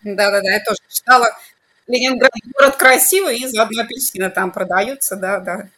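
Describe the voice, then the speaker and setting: A woman co-hosting a conversational film discussion, talking in a measured, explanatory way. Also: a little high, sharp tone.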